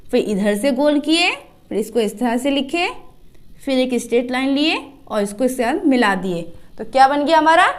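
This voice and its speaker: Woman, high voice, teacher, slow drills, asks children questions. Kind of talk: children's writing lesson.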